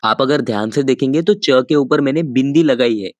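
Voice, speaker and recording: A man's voice: medium pitch, dry recording. Patient man teaching phrases, dry close sound. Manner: patient, repeats each sentence slowly and addresses viewers as "guys". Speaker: language teacher. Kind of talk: explaining vocabulary in a lesson.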